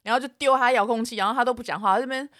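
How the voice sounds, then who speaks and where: A woman with a Taiwanese Mandarin accent, co-hosting a podcast and telling stories in an animated way, acting out the quarrels she describes. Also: a little high, very fast, no room sound, clean studio sound. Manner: animated storytelling, acts out quarrels. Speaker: podcast co-host. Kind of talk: casual chat.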